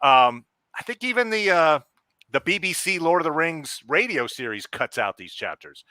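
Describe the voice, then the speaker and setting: Man, podcast co-host, very bright sharp tone, dry close sound, rambling easygoing chat. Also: fairly high pitch, big pitch swings, normal speed, dry recording. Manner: conversational, rambling, easygoing asides. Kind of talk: casual book discussion podcast.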